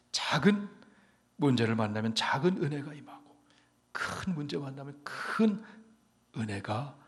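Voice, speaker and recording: A male pastor preaching a sermon. He swings from loud, emphatic declarations to hushed, almost whispered lines, and he calls on the congregation to say amen and repeat after him. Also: medium pitch, in a large hall. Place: church sanctuary.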